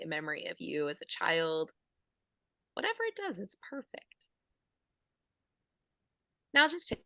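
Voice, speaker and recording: A woman guiding listeners through a calm body-awareness visualization, speaking softly with casual fillers. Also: fairly low pitch, vocal fry, no echo. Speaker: physical therapist guiding an exercise. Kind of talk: guided visualization.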